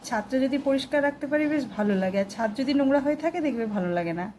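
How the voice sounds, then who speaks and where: A woman vlogging casually about her housework, talking softly while her child sleeps at home. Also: high voice, expressive, racing, slight background noise. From India. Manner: soft, hushed talk while child sleeps. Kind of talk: casual vlog chat. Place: home kitchen.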